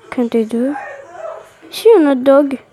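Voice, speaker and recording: High, flat-toned casual gaming host. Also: female voice, a little slow, a little hiss or hum. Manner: reads quiz questions aloud, then answers offhandedly, often half-whispering. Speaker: video host.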